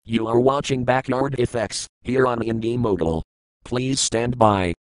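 A man voicing a sassy male robot sidekick built from an old vacuum cleaner, speaking in a robot voice with flat, cheeky delivery. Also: mid-range voice, unhurried, a little hiss or hum. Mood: robotic deadpan. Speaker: co-host.

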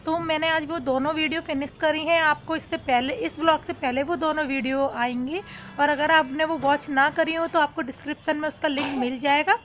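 A woman's voice: high voice, steady tone, a little fast, a bit bright, a little hiss or hum. A young woman chatting casually in a home vlog, narrating her kitchen chores step by step. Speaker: vlogger.

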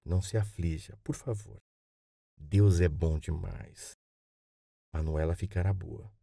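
A man voicing a calm, reassuring elderly grandmother, speaking slowly and softly. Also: deep voice, creaky, slightly rough, no room sound, clean studio sound, full character voice. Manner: slow, soothing. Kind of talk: audiobook character voice.

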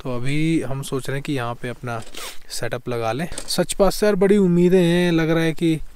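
A man in his thirties chatting excitedly as he vlogs a mountain road trip, partly from a car and partly outdoors. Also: a little high, moderate pace, a little hiss or hum. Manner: excited, chatty narration while driving. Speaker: travel vlogger. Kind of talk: casual travel vlog. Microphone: small wireless clip mic.

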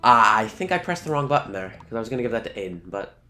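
A man's voice: medium pitch, very animated, fast talker, pushed and bright. A man giving casual, sweary video game commentary, talking to the characters as he plays. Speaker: let's play host. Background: game music.

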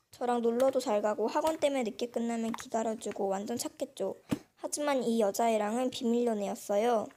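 A woman's voice: fairly high pitch, mellow. A woman hosting a radio-style segment, reading a listener's letter aloud through a voice changer. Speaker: radio-style story host.

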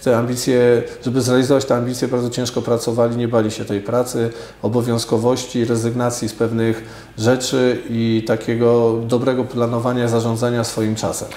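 A man in his forties, a sports official answering radio interview questions in a measured, hesitant way with many fillers, in an office studio on a lapel mic. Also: medium pitch, completely flat delivery, dark tone. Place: office studio with glass table. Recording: roomy echo.

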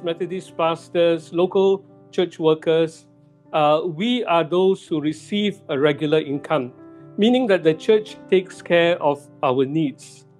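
A middle-aged male pastor giving a sermon in a church, speaking slowly and deliberately and repeating key phrases for emphasis. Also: a little high. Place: church sanctuary.

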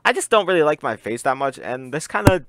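A man's voice: fairly high pitch, big pitch swings, fast, fairly bright tone, no echo, clean studio sound. Hyped young guy, muffled behind a mask. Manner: hyped, slangy, rambling. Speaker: reaction video host. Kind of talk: casual reaction vlog. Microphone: desk microphone.

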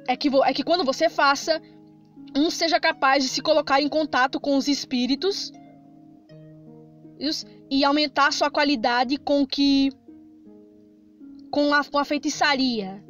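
A high-pitched Brazilian woman chatters through a horror game, reading the text aloud and reacting as she goes. Her voice comes through a slightly dull, lo-fi recording with faint game music underneath. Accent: Brazilian Portuguese. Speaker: gaming streamer. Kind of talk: Let's Play commentary.

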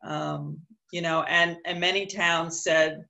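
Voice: mid-range voice, flat delivery, slow pace, creaky, sharp tone, dull audio. A panelist gives practical advice in a chatty way over a video call, often adding "you know" asides. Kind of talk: conversational panel discussion.

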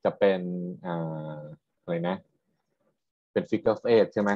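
This man teaches as a university lecturer, his voice on the low side, steady in tone and slow. He explains technical points patiently and regularly checks understanding with short tag questions. The recording has no echo and sounds somewhat muffled and dull.

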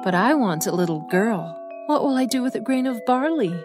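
Soft gentle cartoon woman wanting a child, a woman acting her, bell music behind. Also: on the high side, expressive, moderate pace, natural voice. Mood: wistful. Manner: tender, wistful.

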